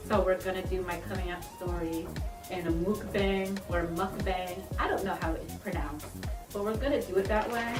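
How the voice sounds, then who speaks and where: Chatty young woman, roomy and distant. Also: lowish voice. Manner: chatty, frank, swears casually. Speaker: vlogger. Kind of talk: casual mukbang chat. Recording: roomy echo, far from mic, music behind.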